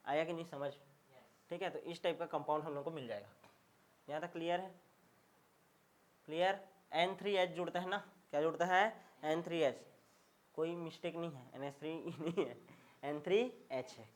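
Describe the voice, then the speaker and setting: Casting note: male chemistry teacher, slightly high voice, repetitive call-and-response drilling. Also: steady tone, normal speed, pauses often. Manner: call-and-response drilling, repeats questions and answers; emphatic, checks understanding often. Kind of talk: classroom lecture.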